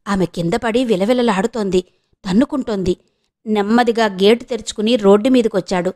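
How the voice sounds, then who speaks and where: Woman narrating an audio novel, raised pitch. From Andhra Pradesh, India. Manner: steady storytelling.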